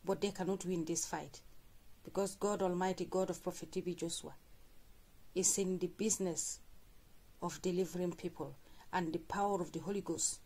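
A woman's voice: fairly low pitch, a little mellow, husky. Woman host recapping clips for viewers. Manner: recaps and repeats what was said, addresses viewers. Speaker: channel host commentator. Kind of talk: reaction commentary.

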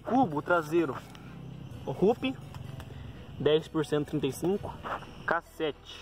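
A man's voice: a little high, lively intonation, slow pace, a little hiss or hum. A Brazilian man giving a casual, improvised vlog rundown of gear, informal and correcting himself as he goes, recorded outdoors on a handheld phone. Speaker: bike owner presenting a gear check. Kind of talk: casual vlog commentary, listing parts.

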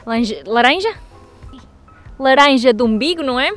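A woman's voice: sits high, moderate pace, faint music behind. Chatty young woman with European Portuguese accent. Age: young adult. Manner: chatty, excitable, talks to her cat. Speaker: vlogger. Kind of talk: casual vlog chat. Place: home kitchen and garden.

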